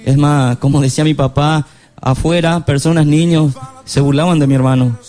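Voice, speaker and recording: A man, giving an emotional personal testimony in a halting, stumbling way. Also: a little high, fairly even intonation, warm tone. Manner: halting, stumbling over words.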